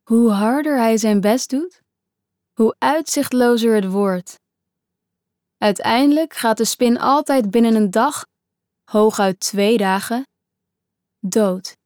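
A woman narrating a story in the first person, measured and suspenseful, often dropping to a hushed voice. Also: a little high, dry recording, clean studio sound.

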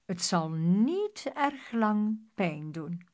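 A woman's voice: medium pitch, big pitch swings, very slow. A woman reading aloud, voicing a cruel male doctor who speaks in a mockingly soothing, menacing way.

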